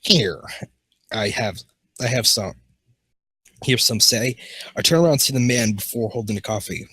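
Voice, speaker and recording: A man's voice: mid-range voice, normal speed, sharp tone, husky, no room sound. A man hosting a comedy show, reading fan fiction aloud and often tripping over words and restarting.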